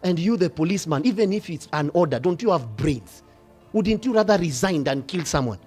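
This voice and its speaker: A middle-aged bishop with a Kenyan accent, preaching passionately, swinging from hushed asides to loud rebukes. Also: male voice, on the high side, animated, a little fast, slightly rough, faint music behind. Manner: passionate, switching between whispers and shouting. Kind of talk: fiery sermon.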